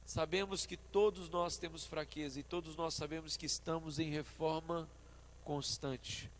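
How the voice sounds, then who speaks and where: High-voiced Brazilian pastor preaching. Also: male voice, unhurried, slight background noise. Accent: Brazilian Portuguese. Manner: animated storytelling, acting out his own past dialogue. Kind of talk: sermon. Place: church service.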